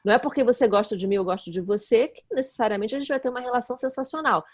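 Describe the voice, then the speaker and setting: Woman, guest expert, earnest and explanatory, slightly higher voice, conversational. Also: rapid-fire. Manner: earnest, explanatory, often adds a questioning "né?". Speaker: guest expert in nonviolent communication.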